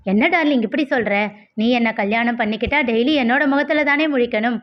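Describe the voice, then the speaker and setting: A woman's voice: on the high side, muffled recording, natural voice. A woman voicing a cheeky, jobless young man who teases everyone. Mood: teasing. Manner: teasing, mock-dramatic, quick.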